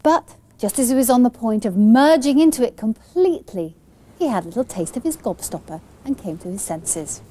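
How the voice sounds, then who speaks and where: A woman reading children's stories in an expressive, scripted storytelling style. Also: a little high, normal speed.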